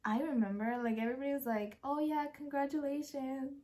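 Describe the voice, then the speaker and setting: A young woman and parent telling a story in a casual question-and-answer video, chatty and quick to laugh. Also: sits high, steady tone, warm tone. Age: young adult. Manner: giggly, laughs often while telling a story; chatty, full of fillers and quoted speech. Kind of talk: casual Q&A chat.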